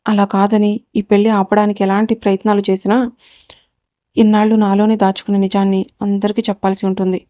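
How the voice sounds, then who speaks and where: A woman's voice: mid-range voice, flat delivery, brisk, dry recording, close to an everyday voice. A woman reading the lines of a domineering young man who speaks coldly and makes threats, in a Telugu audio story. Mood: menacing. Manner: cold, commanding and quietly threatening.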